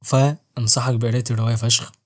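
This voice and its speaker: Fast-talking joking Egyptian man. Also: mid-range voice, level tone. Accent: Egyptian Arabic. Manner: joking, slangy, self-mocking. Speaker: book reviewer and channel host. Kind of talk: casual book review vlog.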